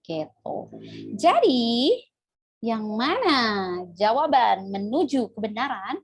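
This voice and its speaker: A woman's voice: a little high, animated, measured pace. A young woman teaching English in a casual live online class, chatty and self-correcting as she talks to her viewers.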